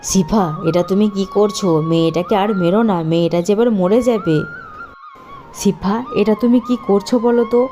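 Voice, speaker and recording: A woman voicing a doting, hot-tempered village father in a cartoon, talking in a loud, emotional way. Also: medium pitch, normal speed, faint music behind, natural voice. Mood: pleading. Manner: shouting, emotional. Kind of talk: cartoon voice acting.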